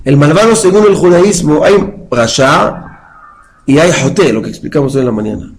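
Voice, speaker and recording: Male teacher, fairly high voice, patient lecture style with questions to the class and chanted verses. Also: lively intonation, normal speed, poor audio. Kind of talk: religious study lecture with a live class.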